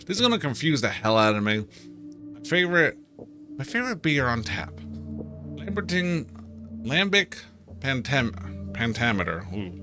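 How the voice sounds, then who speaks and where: A man's voice: mid-range voice, very animated, moderate pace, long pauses, music in the background. A man streaming a game, chatting casually, reading in-game posts aloud, playful and stumbling over words. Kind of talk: casual let's-play commentary.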